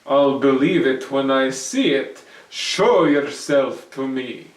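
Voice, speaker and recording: A man voicing a brave, dismissive storybook hero who taunts loudly and feigns unconcern. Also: medium pitch, takes it slowly, lightly acted. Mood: scoffing. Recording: roomy, echoing, distant mic.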